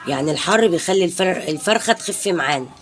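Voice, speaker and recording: Fast-talking Egyptian woman, chatty home vlog. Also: lowish voice, lively intonation, background noise. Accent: Egyptian Arabic. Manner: chatty and rambling, peppered with pious blessings. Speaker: home vlogger and mother. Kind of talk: casual vlog chat. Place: home balcony.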